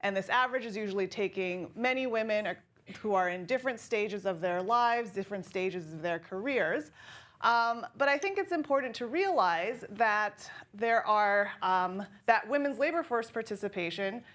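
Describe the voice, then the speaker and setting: A woman's voice: medium pitch, expressive, normal speed, a bit bright. A woman economist from the Philippines and Japan presenting at a conference, enthusiastic, with fillers and restarts. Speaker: panelist, economics professor. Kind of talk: academic conference talk. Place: conference room.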